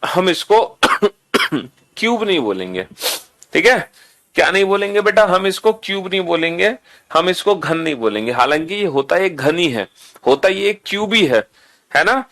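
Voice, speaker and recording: A man's voice: high voice, sing-song, moderate pace, fairly bright tone. A man teaching a reasoning lesson, repeating points and asking students questions that he answers himself. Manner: repetitive, quizzing, answers his own questions.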